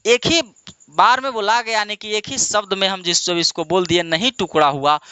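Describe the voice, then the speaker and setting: A man from India teaches an English grammar lesson in a high, steady, bright voice that's forceful yet clean, recorded dry. He repeats words in a drawn-out way and quizzes students call-and-response style, asking questions and answering them himself while calling them "my dear."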